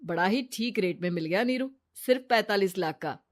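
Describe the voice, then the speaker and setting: A woman's voice: medium pitch, expressive, brisk, lightly acted. A woman voicing a blunt, suspicious adult husband in a cartoon story. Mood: stern. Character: adult man, worried husband.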